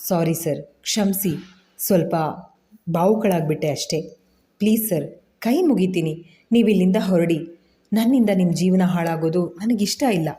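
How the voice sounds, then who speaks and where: A woman's voice: on the low side, normal speed, long pauses, warm tone, lightly acted. Woman playing a guarded young mother. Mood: pleading.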